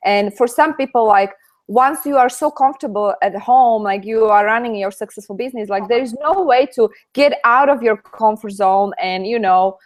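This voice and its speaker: A woman's voice: fairly high pitch, moderate pace. A woman from Slovakia with a Slovak accent, hosting a casual interview and asking long, leading questions full of "like". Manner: talkative, leading questions with many likes. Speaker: interview host.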